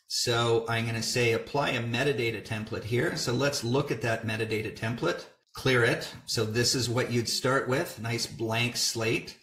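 A middle-aged man giving a casual walkthrough of photo software, talking through each step as he clicks. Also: medium pitch. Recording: roomy echo.

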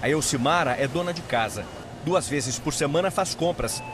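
A male TV reporter reads his news report in a measured, even way. His voice sits a little high for a man. Clear background noise runs under the narration. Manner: measured, steady delivery. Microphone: handheld microphone.

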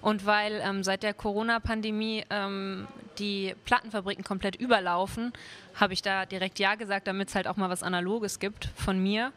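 A woman's voice: mid-range voice, flat delivery, normal speed, fairly bright tone. A young woman from Berlin, a singer, chatting casually in an interview into a handheld mic at a music club. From Berlin, Germany. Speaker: singer, guest.

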